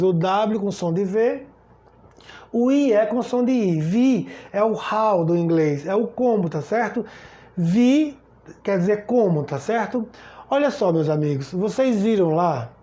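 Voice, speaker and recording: A man's voice: high voice, lively intonation, unhurried, dark tone. A man teaching German in a casual spoken lesson, often asking "tá certo?" and repeating words as he goes. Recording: slightly dull lo-fi sound.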